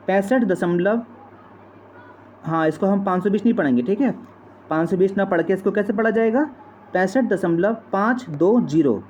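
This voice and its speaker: A man's voice: sits high, a little mellow. A man teaching a slide-based maths lesson, patient and repetitive, often addressing viewers as friends. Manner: patient, repeats steps and keeps addressing friends. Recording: dull lo-fi sound with faint noise.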